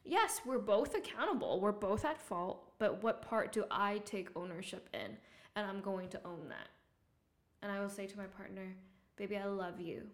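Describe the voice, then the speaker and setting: Podcast guest, woman, mid-pitched voice, earnest coaching advice. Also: lively intonation, normal speed. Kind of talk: casual advice conversation.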